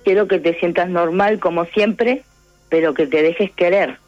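A woman with a Uruguayan accent leaving a voicemail message, halting and shy as a radio host coaches her along. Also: fairly low pitch, no room sound, muffled recording, soft background music. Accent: Uruguayan Spanish. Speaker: caller.

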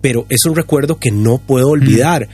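A man's voice: mid-range voice, a little fast, dark tone, breathy edge, soft background music. A man in his fifties from Costa Rica, a pastor and guest on a radio talk show, speaking reflectively with hesitations and repeated words. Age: 50s.

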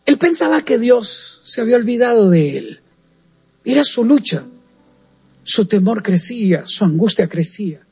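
High husky man telling a faith story. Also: moderate pace, soft background music. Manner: earnest, animated retelling with direct asides to the listener. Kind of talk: storytelling testimony on a radio program.

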